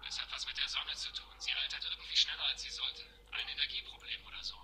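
A man's voice: mid-range voice, flat delivery, fast talker, pushed and bright, whispered. A man voicing a male marine in a video game who is pinned down and calling for help over a sci-fi radio communicator, in clipped military speech. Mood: terse. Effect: sci-fi radio communicator transmission. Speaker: game character. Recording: noisy crackling radio channel.

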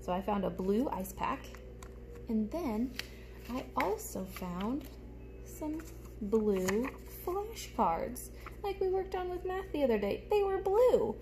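Slow and sing-song, a young woman teacher's fairly high, slightly mellow voice guides small children through show-and-tell with simple, expressive explanations. She's indoors in a small room at home, speaking into a phone held close in front, with slight background noise.

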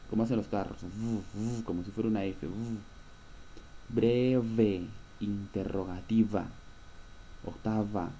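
A man's voice: lowish voice, mellow, slight background noise. A male schoolteacher giving a recorded lesson, patiently explaining and answering his own questions. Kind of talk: recorded online class lesson.

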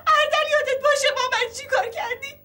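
A wounded, high-voiced wife. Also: female voice, bright, forceful tone. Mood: hurt. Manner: plaintive, reproachful. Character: wounded romantic wife, the poet Manijeh. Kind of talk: TV sitcom acting.

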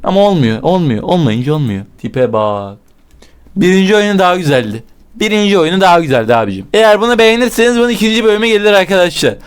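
A man's voice: high-pitched, animated, quick pace, clear, resonant tone. A young man doing casual let's-play commentary on a horror game, cursing at it, talking to himself and yelping when startled. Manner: profane, shouts in fright, swears at the game. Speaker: gaming YouTuber.

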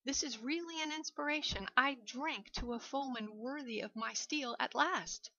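A woman's voice: high voice, normal speed, bright, forceful tone, no echo, muffled recording, voice pushed up, exaggerated voice. A woman voicing a suave, menacing aristocratic male general with mocking courtesy.

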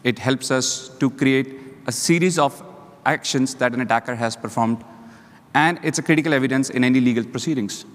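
A man with a mid-range voice speaks briskly as a panelist and security leader on a conference stage. His talk is structured and list-like, captured on a lapel mic in a reverberant hall.

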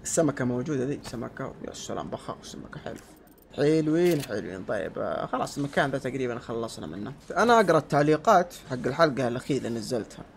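A man giving let's-play commentary, yelling insults at enemies and then dropping to low muttering. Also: animated, rapid-fire, vocal fry, a little hiss or hum. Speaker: gamer.

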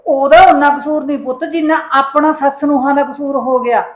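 Playing a mother in a short film, a woman gently coaxes her son before turning firm and scolding him, her manner motherly and lightly acted. She speaks in a mid-range voice at normal speed. The recording has an echoey room sound.

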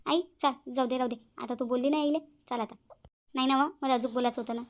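A woman voicing a young daughter in a cartoon, coaxing her mother in a hushed way. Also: sits high, steady tone, quick pace, lightly acted. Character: young daughter, soothing peacemaker. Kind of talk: cartoon voice acting.

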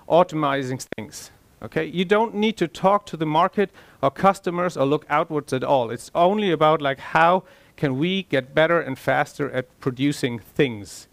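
A man's voice: a little high, gravelly, no room sound. A middle-aged man from Denmark, an agile coach, speaking on a conference stage in a conversational way with fillers and restarts. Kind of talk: conference talk. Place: large conference hall stage.

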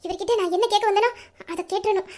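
Brief: a woman voicing an earnest young woman on the verge of tears, very high and fast, pleading, sobs breaking through. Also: dark tone. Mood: torn. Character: young woman, earnest, torn and tearful bride-to-be. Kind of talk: Tamil audio drama acting.

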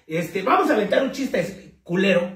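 A man's voice: sits high, lively intonation, normal speed, fairly bright tone. A man with a Mexican accent hosting a comedy livestream, telling crude jokes in a slangy, laughing way. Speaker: comedy host. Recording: echoey room, far from mic.

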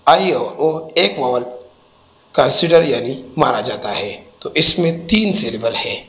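A man's voice: medium pitch, expressive, takes it slowly, fairly bright tone, low-quality recording. A man teaching a textbook lesson, spelling out letters and repeating each word carefully.

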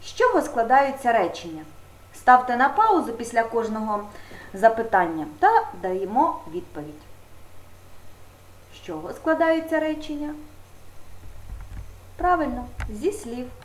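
Teacher, woman, high animated voice, patient and emphatic with children, echoey room. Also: slight background noise. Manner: slow, emphatic, addressing children directly. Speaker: primary school teacher. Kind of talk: video lesson for fourth graders.

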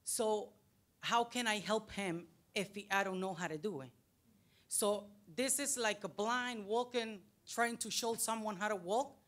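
At a public meeting in a library auditorium, a middle-aged Salvadoran mother gives a plain-spoken comment into a handheld mic. Raised in El Salvador and now from the United States, she speaks earnest, halting English in a Salvadoran Spanish accent, pausing as she searches for words. Her mid-range voice is a bit bright.

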